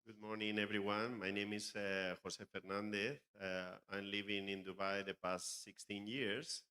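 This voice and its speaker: A male panelist gives his introduction in a measured, hesitant way. His voice is very low and flat. It has a bright edge. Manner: measured, with frequent uhs.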